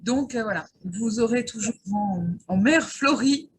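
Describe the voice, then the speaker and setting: A host leading a casual conversation in a measured way, with frequent hesitations and follow-up questions. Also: mid-range voice, expressive, slightly rough, poor audio.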